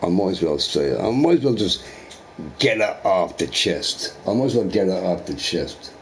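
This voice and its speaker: A man, a live streamer ranting at a viewer in a mocking, repetitive and profane way, sometimes sinking to a low mutter. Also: expressive, moderate pace, slight background noise. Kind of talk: angry rant at a chat viewer.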